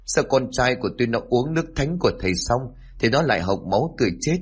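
A man's voice: animated, quick pace, breathy edge. A man voicing a grief-crazed young village mother who screams and wails at the healer who killed her son. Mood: accusing, frantic. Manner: wailing, shrill, pleading.

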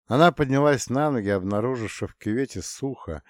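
A man narrating a story in a steady, dramatic audiobook style. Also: mid-range voice, fairly quick, dry recording, studio quality. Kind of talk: scripted narration.

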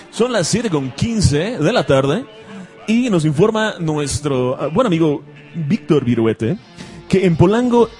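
A booming male radio announcer, as a host puts him on, loud and drawn out. He sounds formal and polished, and faint music plays behind him. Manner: slow, loud announcer delivery.

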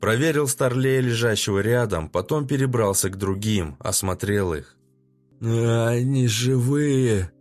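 A man's voice: fairly low pitch, expressive, normal speed, few pauses, faint music behind. Man narrating an audiobook steadily.

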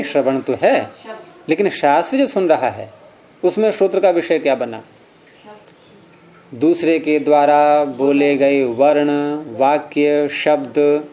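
A man with a mellow voice on the high side teaches a classroom lecture explaining Sanskrit sutras. Along the way he recites them, repeats key words, and frequently questions the class.

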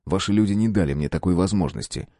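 A man's voice: low-pitched, fast talker, dark tone, no echo, studio quality. A man doing a curt, tough detective. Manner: curt and threatening.

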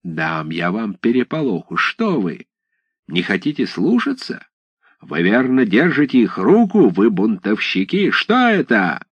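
A man reading an audiobook, voicing a pompous old village headman who barks commands and rises to shouts. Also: mid-range voice, animated, moderate pace, no echo, highs cut off, close to an everyday voice. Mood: blustering commands. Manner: blustering, commanding, rising to shouts.

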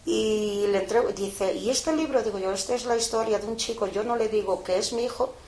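An older woman being interviewed, telling a story in a casual, lively way with lots of fillers. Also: mid-range voice, a little fast. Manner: colloquial, lively retelling with frequent fillers. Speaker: interviewee, mother of a prisoner. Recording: echoey room, faint background noise.

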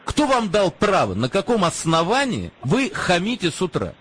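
A man's voice: high-pitched, huge pitch swings, normal speed, fairly bright tone, breathy edge. A man on a confrontational phone call, speaking in a stern, accusatory, interrogating manner.

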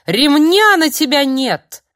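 In a studio-quality recording with no echo, a woman uses big pitch swings at normal speed to voice a nervous, menacing old man. Agitated, he grumbles first, then lets loose shrill, spluttering shrieks of threat.

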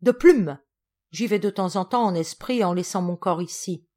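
A woman's voice: on the low side, normal speed, dark tone, natural voice. A woman voicing a dreamy, easily offended female alien in an audiobook.

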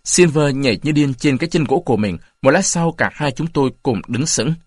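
A man narrating a story aloud in an expressive reading style. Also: mid-range voice, fairly quick, breathy edge, no echo. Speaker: audiobook narrator.

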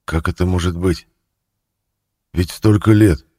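Bewildered, subdued prisoner, low and dark-toned; a man voices him. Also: steady tone, a little slow. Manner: quiet, distracted and bewildered. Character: dazed, subdued male prisoner.

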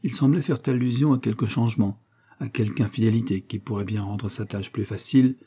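A man narrating a classic novel in a measured, even storytelling manner. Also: lowish voice, husky. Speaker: audiobook narrator. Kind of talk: scripted narration.

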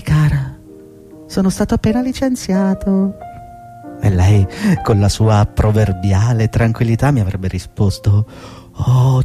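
In a theatrical radio drama, a male actor with a mid-range voice plays a bitter, desperate older employee who has been fired. He sounds husky and agitated, swinging between muttering and outbursts.

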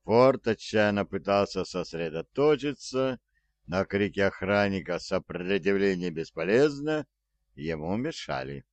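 A man narrating an audiobook in a slow, measured reading. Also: lowish voice, expressive.

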